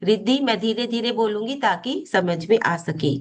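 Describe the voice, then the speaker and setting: A woman of middle pitch teaches a spiritual course in a steady explanatory way. She keeps posing questions to her listeners and then answers them herself, guiding them through a devotional practice. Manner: slow, deliberate chanting of mantra syllables.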